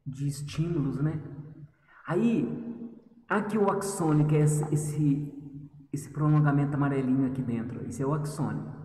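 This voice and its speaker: Chatty teacher in an echoey room. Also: male voice, on the high side, mellow, distant mic, slight background noise. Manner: chatty, teasing, talks to students as "gente". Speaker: histology teacher. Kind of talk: lively video lesson.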